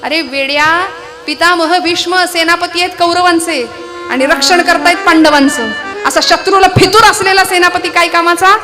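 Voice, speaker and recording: A woman's voice: very high-pitched, fairly even intonation, normal speed, over music. A woman kirtan performer voicing a sly, scheming old uncle who needles his nephew, in a coaxing, needling tone.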